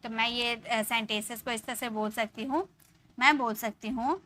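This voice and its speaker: A young Indian woman teaching a live spoken-English class, explaining in Hindi and slowly spelling out English example sentences. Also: on the high side, fairly even intonation, sharp tone.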